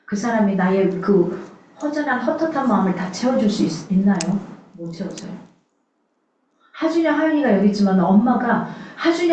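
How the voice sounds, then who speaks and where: A woman pastor from Suncheon in Jeolla, in the far south of South Korea, preaches a sermon in a mellow, darkish, slightly high voice, addressing listeners directly with earnest, conversational rhetorical questions. She sounds distant from the mic in a very echoey church sanctuary. The recording is dull and muffled, with a little hiss or hum.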